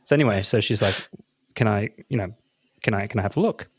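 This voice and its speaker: Aussie guy telling a funny story on a podcast, kinda low voice, laughs a lot, dry sound. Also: fast talker, no echo. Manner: animated, self-mocking, laughs through his story. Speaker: podcast co-host. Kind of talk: casual chat, comic storytelling.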